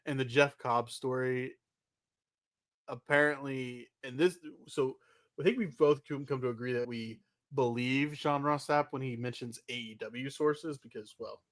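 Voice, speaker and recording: A man's voice: medium pitch, fairly even intonation, a little slow, dry recording. A man co-hosting a wrestling news podcast in a casual, wry, offhand conversational way.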